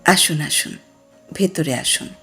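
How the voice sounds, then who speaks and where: Casting: a woman playing an eager middle-aged ex-pupil, welcoming, slow and husky. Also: sits low, sharp tone, faint music behind, pitched below the performer's own voice, full character voice.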